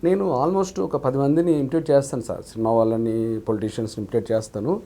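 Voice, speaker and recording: A fast-talking actor with a mid-range, dark-toned voice and fairly even intonation answers questions in a casual interview. Earnest and courteous, he keeps calling the host "sir" and often starts his sentences over.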